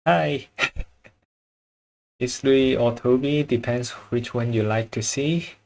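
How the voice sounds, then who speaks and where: Speaking slowly in a mid-range, gravelly, slightly mellow voice, this livestreamer from China talks easily with his audience as he draws. His Chinese accent comes through as he searches for words and laughs softly.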